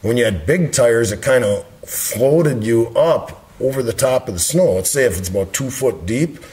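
A middle-aged American man with a Midwestern accent, a vlogger, casually tells anecdotes in a small workshop. His mid-range voice is slightly mellow, with lively intonation and a moderate pace. The room is echoey, and the camera microphone sits a few feet away.

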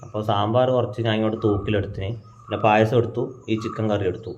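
A man's voice: fairly low pitch, fairly even intonation, fast, slight background noise. A young man with a North Malabar Malayalam accent, chatting casually to viewers in a family vlog at home and explaining things as he goes. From Kannur, Kerala. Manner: chatty, explains things to viewers, calls out loudly to his grandmother. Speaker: family vlogger. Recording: dull lo-fi sound.

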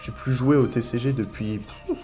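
A man's voice: medium pitch, normal speed, mellow, soft background music. A French man casually commenting as he unboxes a card collection, rambling and repeating words as he lists card names. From France. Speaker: YouTuber unboxing trading cards.

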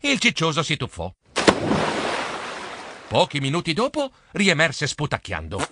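A man narrating a children's audiobook in a playful, animated storytelling manner. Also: on the high side, a little slow, background noise.

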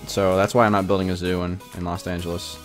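A young man talks in a loose, rambling way on a gaming livestream, packing his sentences with "like" as he rants. His voice sits fairly low. Faint music plays quietly behind him. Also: quick pace. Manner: rambling, heavy use of filler "like", animated ranting. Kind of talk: casual livestream chat.

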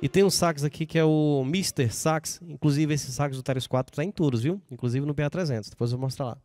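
A man's voice: on the high side, fairly quick, darkish tone. Chatty man demoing keyboard sounds. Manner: chatty, talks straight to viewers. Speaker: keyboard demonstrator. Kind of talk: casual product demo. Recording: dry close recording with keyboard music underneath. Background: keyboard music playing.

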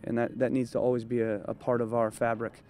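A man in his thirties, a head coach, giving a measured postgame interview outdoors at night, with lots of "you know" and "um" as he thinks. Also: mid-range voice, little pitch movement, darkish tone, a little hiss or hum. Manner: thoughtful, measured, frequent fillers. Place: outdoors at a training field at night. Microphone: handheld interview mic held close.

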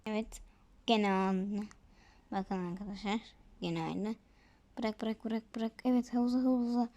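A woman's voice: mid-range voice, steady tone, a little slow, dark tone, highs cut off. A woman casually commenting on her game for viewers, chatty and often dropping to a whisper. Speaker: gaming video creator.

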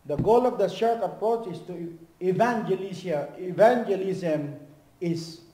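Male preacher, fairly high voice, dramatic loud-soft delivery, roomy church echo. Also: unhurried, slight background noise. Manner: animated preaching, swings from loud to soft, acts out little dialogues. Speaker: pastor. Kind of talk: sermon. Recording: echoey church hall.

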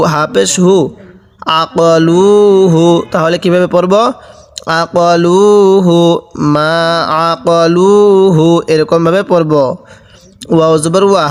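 Male recitation teacher, high and resonant, spells letters then chants words slowly; long reverb. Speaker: Quran reading teacher. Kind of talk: slow spelled-out recitation lesson. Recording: long reverb, roomy sound.

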